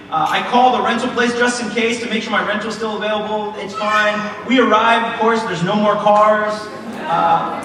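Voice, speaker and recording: A man's voice: high-pitched, noisy background. A man in his thirties giving a sermon in a church, telling a personal story with lots of fillers and restarts. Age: 30s. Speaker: preacher. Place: large church hall. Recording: echoey hall from far off.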